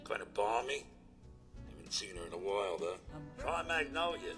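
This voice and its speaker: A gruff video-game bartender with a Cockney accent, curt and lively in pitch, with music playing clearly behind him. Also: male voice, normal speed.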